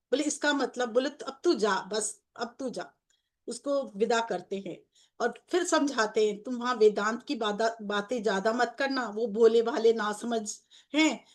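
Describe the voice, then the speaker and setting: A woman narrating a devotional story in an earnest, repetitive way, with many fillers and restarts as she voices the dialogue. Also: a little high. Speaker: spiritual storyteller.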